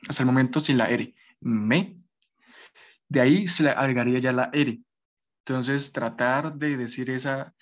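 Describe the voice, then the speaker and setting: A man teaching a basic French class, explaining patiently and often checking that his students follow. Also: medium pitch. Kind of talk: basic language lesson. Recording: dull lo-fi recording.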